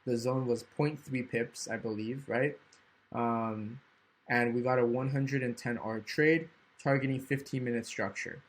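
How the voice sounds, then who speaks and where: In a screen-recorded walkthrough of trading charts, a man speaks a little slowly in a medium-pitched voice with fairly even intonation. He is a trading educator who has the hiccups, reasons aloud casually, and keeps asking "right?".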